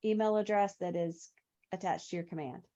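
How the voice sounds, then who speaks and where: A woman's voice: fairly low pitch, steady tone, normal speed, dark tone, muffled recording. A woman teaching on a video call, conversational and explaining through examples. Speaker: real estate trainer.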